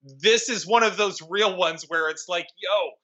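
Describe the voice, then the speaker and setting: A man's voice: high-pitched, moderate pace, sharp tone. A man co-hosting a casual movie review podcast, talking in a sarcastic, profane way. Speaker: podcast co-host. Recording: dull lo-fi sound.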